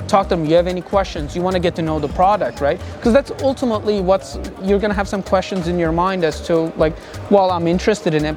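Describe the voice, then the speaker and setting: Guy from turkey, car dealer, chatting outdoors at a car show with music behind, kinda high voice. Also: darkish tone. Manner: enthusiastic, explanatory, talks about products.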